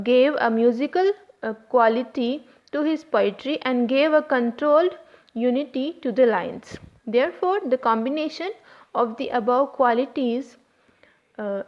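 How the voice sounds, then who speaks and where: Female lecturer, fairly high voice, explains step by step, dull lo-fi recording. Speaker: literature teacher, channel host.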